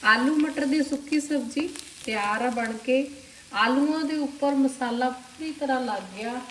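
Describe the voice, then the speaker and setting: Cooking host, woman, Punjabi accent, slightly high voice, calm step-by-step explainer, echoey kitchen with faint sizzle. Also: unhurried, a little hiss or hum. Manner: calm, explanatory, addresses viewers directly. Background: sizzling and stirring of food.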